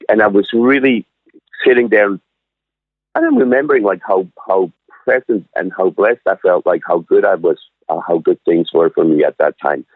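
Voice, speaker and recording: An older man in his sixties, born in Switzerland, tells his story in a halting way full of restarts. His voice sits very low. The sound comes through a thin, tinny phone line with no room around it. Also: no room sound. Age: 60s. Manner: halting, many fillers and restarts. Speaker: cafe owner, guest. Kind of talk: casual interview storytelling.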